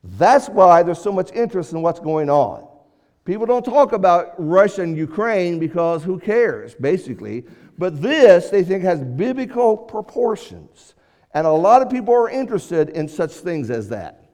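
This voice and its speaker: Preacher in a reverberant hall. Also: male voice, high voice, big pitch swings, moderate pace, a little mellow. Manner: conversational, repeats and restarts phrases. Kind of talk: sermon lesson to a congregation. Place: church auditorium.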